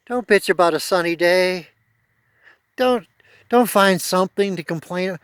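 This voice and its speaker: A man with a high, light voice rants casually to camera about his team's fans, exasperated and emphatic, doubling back on his words. He is outdoors with his dog, and the sound is close and dry with no room around it. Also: a little slow, fairly bright tone, clear, resonant tone, no echo. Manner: exasperated, emphatic, repeats himself. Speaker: sports fan vlogger. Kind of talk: casual fan rant to camera.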